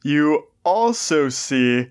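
A man narrating a tabletop game as game master, describing scenes in a measured way. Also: a little high, big pitch swings, smooth.

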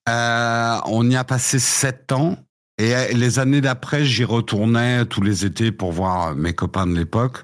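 A middle-aged man, a guest in a casual podcast interview, telling his life story in a reflective, unhurried way. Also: mid-range voice, fairly even intonation.

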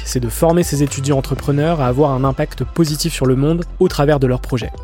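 A man's voice: fairly high pitch, dark tone. A man hosting an entrepreneurship interview podcast, friendly and hesitant, with many fillers. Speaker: podcast host.

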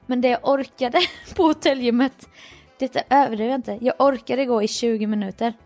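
A young woman co-hosting a podcast, retelling a story with animated quoted dialogue and frequent laughter. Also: fairly high pitch, faint music behind. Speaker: podcast co-host. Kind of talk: casual chat, storytelling.

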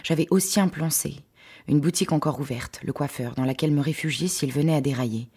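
A woman narrating a first-person story in a wry, sarcastic, lively way. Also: sits low, fast talker, slightly rough.

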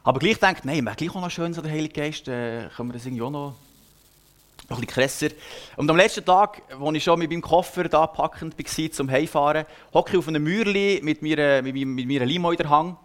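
Earnest young Swiss preacher. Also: male voice, on the high side, quick pace. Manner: earnest, conversational storytelling with frequent hesitations. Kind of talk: personal sermon.

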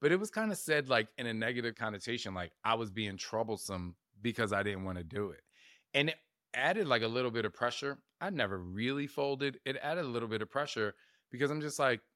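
A man's voice: medium pitch, lively intonation, a little fast, sharp tone, no room sound, clean studio sound. A middle-aged man hosting a self-help podcast, talking casually with lots of "like" and asking listeners reflective questions. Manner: casual, conversational, full of "like" and asides, coaching listeners with questions. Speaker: podcast host.

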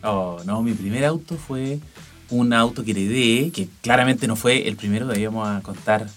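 A man's voice: mid-range voice, moderate pace, soft background music. A man in his forties with a Chilean accent, co-hosting a podcast and telling anecdotes in casual chat. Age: 40s. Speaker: podcast co-host.

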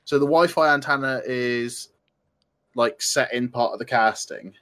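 Slightly slow and medium-pitched, with a bit of brightness, this young British podcast co-host talks tech casually. He explains gadgets with obvious enthusiasm.

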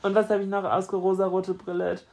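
A woman's voice: medium pitch, flat delivery, brisk, creaky, mellow. A young woman chats on her podcast in a loose, talkative way. She is blunt and likes to tease. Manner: chatty, blunt and teasing. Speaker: podcast co-host. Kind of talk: casual couple chat.

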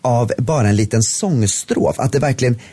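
A man's voice: mid-range voice, warm tone, breathy edge, no room sound. A man chatting casually, telling a story with many restarts and repeated words. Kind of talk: casual chat.

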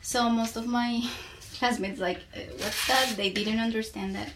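Speaking with a Colombian accent, a woman whose first language is Spanish reflects casually as a guest on a podcast, where she's introduced as a poet and teacher. Her voice is a little high with fairly even intonation, and she falters while hunting for English words. Background noise is present.

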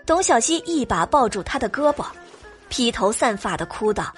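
A woman's voice: a little high, very animated, moderate pace, soft background music. A woman narrating an audio drama expressively.

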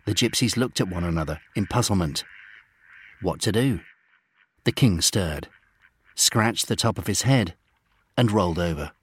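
A man reading a children's space adventure aloud in steady, gently dramatic storybook narration. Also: low voice, moderate pace, pauses often, husky.

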